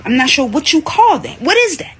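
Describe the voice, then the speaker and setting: Brief: woman ranting to camera, lively high voice, exasperated and repetitive. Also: a little fast. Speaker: social media commentator. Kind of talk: casual rant to camera.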